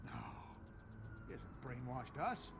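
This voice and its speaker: A man's voice: mid-range voice, big pitch swings, takes it slowly, background noise. A man playing a misguided, stubborn but unsure police officer in a video game, defensively justifying himself. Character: misguided corrupt cop escorting a prisoner, stubborn but wavering.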